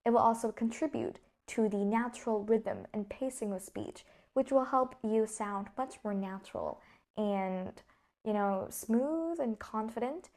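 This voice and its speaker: A woman's voice: fairly high pitch, unhurried, darkish tone. Vietnamese-accented young woman teaching English. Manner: explanatory, stresses key words while demonstrating. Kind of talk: English pronunciation lesson.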